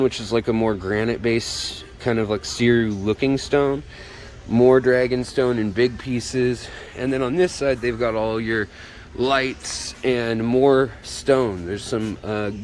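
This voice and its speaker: A man's voice: mid-range voice, fairly even intonation, slow, darkish tone. A man hosting a casual, chatty walk-through vlog, his voice slightly muffled by a face mask, as he shows viewers around a shop. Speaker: host of a shop tour video. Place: inside a pet shop, walking around. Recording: clear background noise, store ambience.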